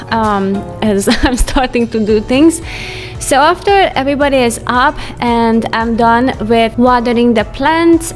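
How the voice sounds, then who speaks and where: Woman narrating her home routine, highish voice, soft music behind. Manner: chatty, light laughs, non-native phrasing. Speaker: home vlogger. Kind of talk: casual voice-over narration. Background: soft background music.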